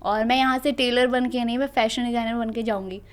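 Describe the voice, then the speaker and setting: High-voiced young woman telling a story. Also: fairly quick. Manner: animated, laughing storyteller who acts out family dialogue. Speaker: student guest. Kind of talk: casual interview storytelling.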